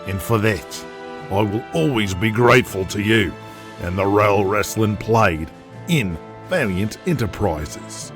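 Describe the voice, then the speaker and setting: Voicing the overbearing Australian big-game hunter and tycoon, the male narrator of this audio drama raises his pitch above his usual register and makes the character bragging, crude and menacing. His delivery is animated and a little slow, commanding and contemptuous, with music clearly audible in the background.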